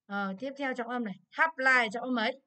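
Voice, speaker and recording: A woman English teacher with a Vietnamese accent, going through an exam in a brisk review lesson and asking many checking questions. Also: fairly high pitch, bright, forceful tone.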